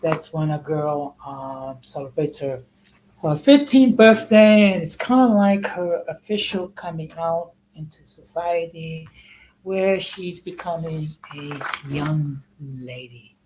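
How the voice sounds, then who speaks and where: A man's voice: a little high, slow pace, darkish tone, slight background noise, poor audio. A man in his sixties from the United States, hosting a casual live-stream talk in a conversational way and often checking in with "okay?". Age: 60s. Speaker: host.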